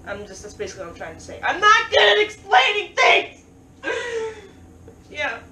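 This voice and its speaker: A woman vlogging casual advice, talking fast with stutters and restarts, often joking and laughing at her own lines. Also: fairly high pitch, a bit bright, recorded from a distance. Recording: roomy, off-mic, faint background noise.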